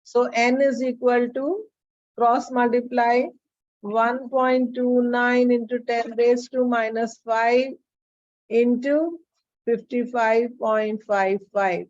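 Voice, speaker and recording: In this screen-recorded online chemistry class, an Indian-accented woman speaks slowly in a steady, slightly mellow, higher-pitched voice. The sound is dull and lo-fi, captured by a video call computer mic. She addresses students by name and makes sure they keep up.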